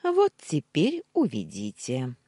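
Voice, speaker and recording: A cold, bossy young woman who talks in a brisk, pushy way, as a woman narrator puts her on. Her voice is low and husky with wide pitch swings. The storybook reading sounds dry and close. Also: huge pitch swings, no room sound, full character voice. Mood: commanding. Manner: brisk, pushy, sharp-tongued.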